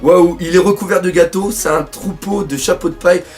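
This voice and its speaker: A man from France doing live reaction commentary on a manga chapter, excitable, swearing often and reading panels aloud. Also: high-pitched, fairly quick, faint music behind.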